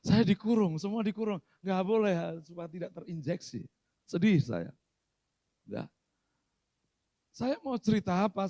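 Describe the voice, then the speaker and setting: Dramatic preacher with a fairly high voice. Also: male voice, no echo, clean studio sound. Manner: dramatic, swings between loud outbursts and soft asides. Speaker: pastor. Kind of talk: sermon. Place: church.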